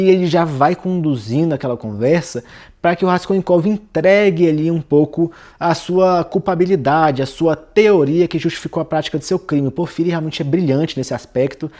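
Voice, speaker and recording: A man's voice: a little high, normal speed, a little mellow. A young Brazilian man hosting a literature channel, talking through a novel in a casual, conversational way and often tagging his sentences with little check-ins. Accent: Brazilian Portuguese. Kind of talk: casual book-reading lesson.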